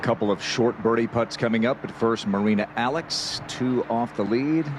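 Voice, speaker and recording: A man's voice: medium pitch, moderate pace, background noise. A man anchoring live golf commentary as the lead announcer.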